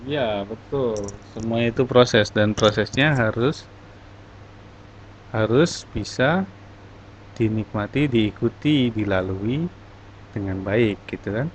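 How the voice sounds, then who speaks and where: A man's voice: fairly low pitch, slow, long pauses. A man teaching a class, encouraging his students and explaining step by step. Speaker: English teacher. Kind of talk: online class talk. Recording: dull lo-fi recording, faint noise.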